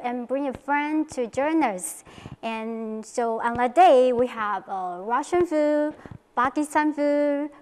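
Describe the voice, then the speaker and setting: A woman from Taiwan with a Taiwanese accent, a Chinese instructor speaking careful, halting English in an interview. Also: high voice, smooth, big-room sound.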